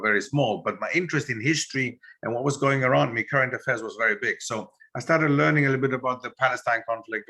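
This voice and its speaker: Bright-voiced man telling stories animatedly. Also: medium pitch. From Greece. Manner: animated storyteller acting out quoted dialogue. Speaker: guest historian and author. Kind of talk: interview storytelling.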